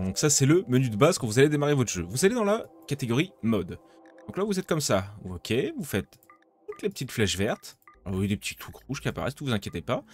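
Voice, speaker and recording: A man hosting a casual game tutorial, talking informally with plenty of asides and fillers. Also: medium pitch.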